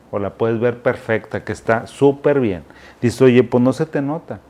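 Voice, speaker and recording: A man, a mental health specialist, giving casual advice straight to the listener. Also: on the low side. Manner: warm direct second-person advice, with Mexican slang. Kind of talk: informal advice talk.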